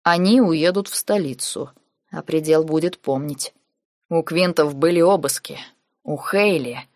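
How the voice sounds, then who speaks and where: Haughty young lord, cold and low, hushed, read by a woman in a dry storybook reading. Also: a little slow, no room sound. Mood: grim. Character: arrogant young male nobleman, cold, warning.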